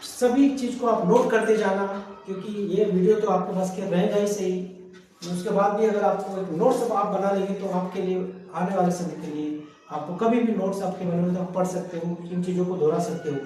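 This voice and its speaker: A fairly high-voiced English teacher gives a grammar lesson, spelling words letter by letter, repeating them over and over, and asking students questions he answers himself. His intonation is fairly even, his speed normal and his tone mellow. He sounds distant from the mic in a very echoey room, with a little hiss or hum.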